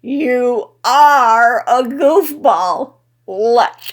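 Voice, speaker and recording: A woman's voice: fairly high pitch, extremely slow. A woman voicing a tipsy young woman who slurs and giggles, defiant and playful. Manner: slurred, giggling.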